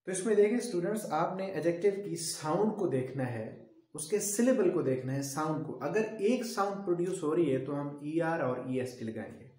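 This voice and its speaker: A man's voice: on the high side, animated, normal speed, warm tone. A male English teacher giving a grammar lesson, explaining step by step and answering his own questions. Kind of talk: classroom grammar lecture. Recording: very echoey room.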